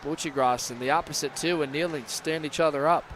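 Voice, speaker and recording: Delivering live ice hockey commentary, this man talks a little fast in a fairly high voice. Big plays set him off shouting with excitement, and background noise comes through clearly.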